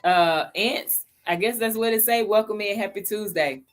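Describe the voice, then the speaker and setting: A woman hosting a casual livestream lesson on crypto, chatting with viewers and greeting them by name. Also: medium pitch. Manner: slows down to stress key points. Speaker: livestream host teaching crypto basics.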